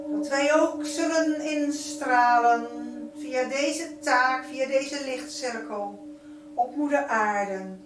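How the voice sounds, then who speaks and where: A woman as a spiritual guide, giving a slow, solemn, incantatory channeling address with sung and whispered phrases. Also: sits high. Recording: echoey room, far from the mic, noisy.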